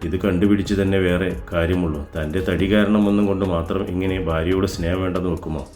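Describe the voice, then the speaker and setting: A man's voice: sits low, steady tone, quick pace, darkish tone, echoey room, soft background music, close to an everyday voice. A man voicing a wounded housewife who pleads with her husband. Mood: brooding.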